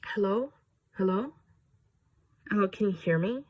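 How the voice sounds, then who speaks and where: A woman's voice: mid-range voice, lively intonation, a little mellow, no echo. A woman doing a desperate German man. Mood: pleading. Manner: urgent, pleading, halting English. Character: desperate German man calling over radio static.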